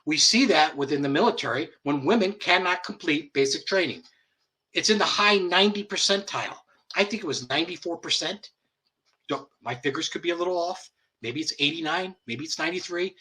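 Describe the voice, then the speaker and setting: A man's voice: on the high side, expressive, fairly quick, bright, forceful tone. A man hosting an online commentary show, blunt and profane, chuckling mockingly as he rants. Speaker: host.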